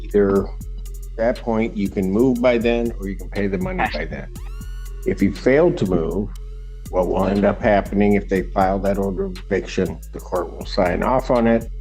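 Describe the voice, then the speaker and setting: A man's voice: sits low, normal speed, a little mellow, soft background music. A man serving as judge, patiently explaining a ruling step by step in a courtroom recording. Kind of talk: courtroom proceedings.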